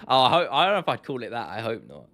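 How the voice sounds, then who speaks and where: Rapid-fire and very animated, a livestream host with a mid-range, fairly bright voice talks to viewers in a dry recording. The chat is casual and laddish, with repeated phrases for emphasis, set against faint music and keyboard clicks.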